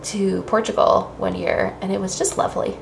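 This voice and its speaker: A stand-up comedian in her twenties, appearing as a podcast guest, chats casually and tells stories while swearing freely. Her medium-pitched voice is level, creaky, and at a normal pace. The room is echoey with faint noise.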